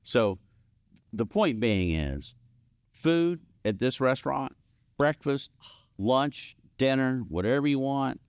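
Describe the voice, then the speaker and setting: A man's voice: mid-range voice, animated, slow, darkish tone, smooth, no room sound, clean studio sound. A man in his fifties co-hosting a podcast, chatting casually with easygoing, wry asides. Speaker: podcast co-host. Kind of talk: casual chat.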